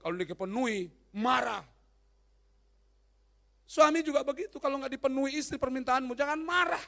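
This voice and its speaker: A male pastor delivering a humorous, animated sermon and often quizzing the congregation. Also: extremely high pitch, normal speed, creaky.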